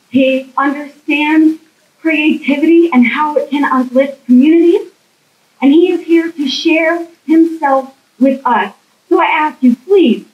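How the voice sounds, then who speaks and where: A woman organizer giving a formal introduction to a crowd in an outdoor plaza, measured in manner. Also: sits high, reverberant, dull audio. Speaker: arts program organizer introducing the artist.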